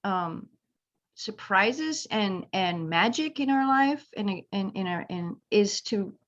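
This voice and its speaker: A woman speaking slowly in a mid-range voice is a guest in a casual conversation, rambling, laughing and energetically acting out quotes. The lo-fi audio comes across slightly dull.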